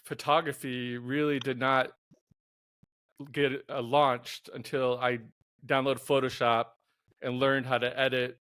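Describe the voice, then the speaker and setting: Male host, mid-pitched voice, easygoing chatty delivery, dry close recording. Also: unhurried, clean tone, no room sound. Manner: relaxed, chuckles often, filler ums. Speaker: podcast host and photographer. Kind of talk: casual interview hosting.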